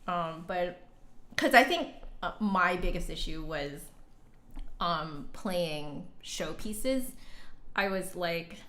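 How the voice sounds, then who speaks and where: This flute player and teacher runs a relaxed livestream, reading out viewer comments and responding in a meandering, hesitant manner. Her voice sits on the lower side, fairly bright, with lively intonation, and she speaks slowly with frequent pauses. The indoor recording echoes noticeably, with slight background noise.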